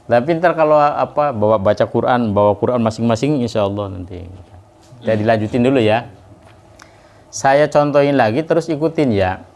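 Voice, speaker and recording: A man teaching Quran recitation to a class, speaking casually between verses and drawing the recited words out slowly. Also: medium pitch, darkish tone. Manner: casual explanations in between, calls the class to repeat.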